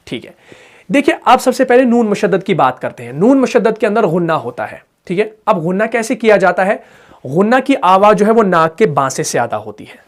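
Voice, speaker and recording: A man teaches Quran recitation in a patient explanatory lesson. He repeats each point, asks whether it is clear, and voices the sounds himself. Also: high voice. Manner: demonstrates sounds aloud.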